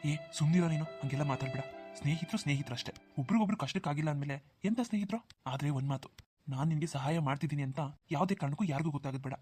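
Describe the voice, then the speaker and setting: A man voicing a well-off, generous young village man in a cartoon, who talks briskly and hushes others' worries. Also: on the high side, faint music behind, lightly acted. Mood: reassuring. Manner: brisk, dismissive of worries, hushing. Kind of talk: Kannada cartoon dubbing.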